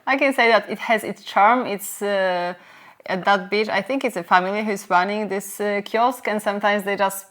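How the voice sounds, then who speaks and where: A young woman co-hosting a vlog, speaking in a calm, measured way with occasional fillers. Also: mid-range voice. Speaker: vlog co-host. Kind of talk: casual conversational vlog chat.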